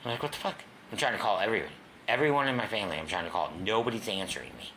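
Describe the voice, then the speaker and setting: A man's voice: on the low side, animated, racing, pushed and bright. A middle-aged man, telling his own story in a raw, candid way, swearing and acting out what others said. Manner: raw, candid, swears, acts out quoted voices. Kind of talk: personal storytelling in a talk show. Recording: faint background noise.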